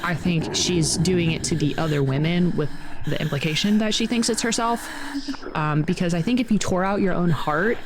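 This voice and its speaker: A woman's voice: fairly low pitch, normal speed, noisy background. A woman giving wry, conversational commentary as she streams a video game. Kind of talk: casual playthrough commentary, reading game text aloud. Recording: loud music behind the voice. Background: loud game music.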